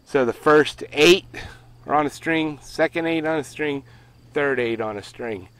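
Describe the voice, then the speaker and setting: Walking his solar array in a rural field, a Pennsylvania homesteader in middle age talks through a casual vlog in a plainspoken, rambling way, correcting himself along the way. His voice is fairly high and fairly bright, and he's unhurried.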